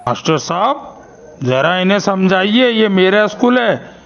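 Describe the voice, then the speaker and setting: A man's voice: sits high, sing-song, measured pace, gravelly, a bit bright, muffled recording, full character voice. A man voicing a stern, bossy school principal who scolds his staff in a cartoon. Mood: scolding. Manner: scolding, threatens to fire staff.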